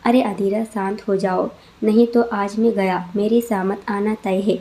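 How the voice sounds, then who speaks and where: A woman's voice: medium pitch, steady tone, a little slow, dark tone, close to an everyday voice. A woman voicing a flustered young husband in a read-aloud story, pleading and exasperated.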